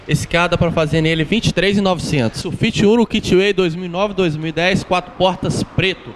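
Young Brazilian dealer, noisy lot. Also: male voice, high voice, fairly quick. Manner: steady listing of models and prices. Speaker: car dealer consultant. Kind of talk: sales pitch. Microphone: handheld mic. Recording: noisy outdoor TV audio.

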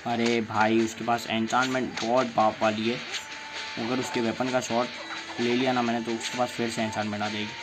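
A man giving live gameplay commentary, excitable, groaning and yelling at the fight as it goes. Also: mid-range voice, a little fast. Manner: excitable, shouts and groans at the game. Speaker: gaming YouTuber. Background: game music.

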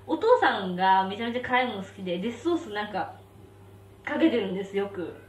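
Young female stream host, casual chatter, lively and fairly high, roomy distant mic. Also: fast. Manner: chatty, reacting aloud to spicy food, reads viewer comments. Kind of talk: casual live-stream chat while eating. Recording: roomy, slightly distant mic with faint background hum.

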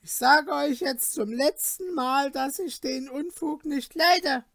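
A man's voice: extremely high pitch, slow pace, dry recording, clean studio sound, voice pushed up, heavily acted. A man voicing a stern, grumpy innkeeper woman who scolds her guests in a storybook reading. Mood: angry. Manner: curt, scolding. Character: stern grumpy middle-aged female innkeeper.

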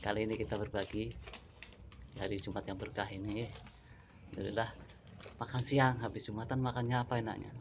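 A man's voice: lowish voice, little pitch movement, fairly quick, pauses often. Man vlogging, muffled noisy phone sound. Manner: repeats phrases, many exclamations and religious thanks. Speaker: vlogger hosting a lunch video. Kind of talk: casual selfie vlog chat. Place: small indoor room. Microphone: phone at arm's length.

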